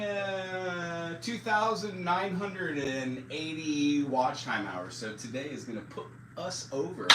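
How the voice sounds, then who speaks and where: During a casual live stream, a man in his forties who teaches music jokes about himself and speaks loosely with many fillers. His slightly high voice comes across pushed and bright. The audio has roomy echo, a distant mic, music underneath, and a touch of hiss or hum.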